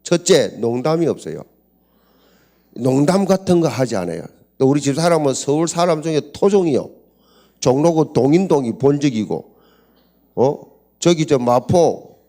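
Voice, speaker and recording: A man's voice: on the high side, animated, moderate pace, warm tone. An older man from Busan with a Gyeongsang accent, a pastor telling a humorous story at a marriage seminar, acting out voices and laughing often.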